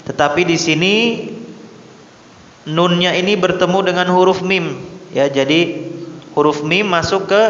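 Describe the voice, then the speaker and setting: A man teaching a Quran recitation class in a mosque hall, patiently correcting students and modeling letter sounds slowly. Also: high-pitched, a bit bright. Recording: echoey hall, dull lo-fi sound.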